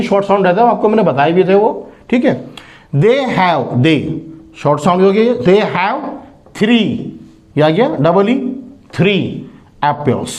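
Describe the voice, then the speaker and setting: A man teaching English phonics, reading example sentences slowly word by word and repeating each vowel sound. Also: high voice, a little mellow. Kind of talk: phonics lesson.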